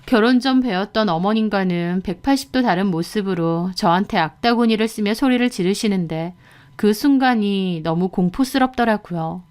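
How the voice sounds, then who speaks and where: A woman narrating a first-person story in a steady, earnest way. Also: mid-range voice, normal speed, clean tone.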